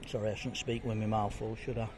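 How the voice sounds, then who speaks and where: A food vlogger reviews fish and chips to camera, chatty and jokey, chewing and talking between bites. His voice is on the low side and flat, he talks fast, and background noise is present.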